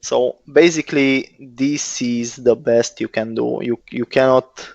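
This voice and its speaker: Guy developer explaining things slowly and haltingly, dry muffled lo-fi recording. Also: mid-range voice, fairly even intonation, vocal fry, dry recording. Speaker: guest software developer. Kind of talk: casual technical explanation. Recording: dull lo-fi close dry audio.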